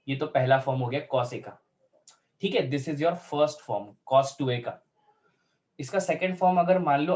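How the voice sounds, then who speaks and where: A male math teacher explains a problem step by step, often checking that the class is following. His voice sits a little high for a man and slows almost to dictation speed when he reads out formulas. The recording sounds slightly muffled. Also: darkish tone. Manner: talks through steps aloud, checks in with students often. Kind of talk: whiteboard math lesson.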